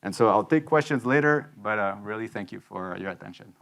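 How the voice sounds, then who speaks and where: A man giving a rushed startup lightning talk, halting and repeating words as he presents technical material. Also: fairly low pitch, lively intonation, gravelly, noisy background. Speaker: anesthesiologist.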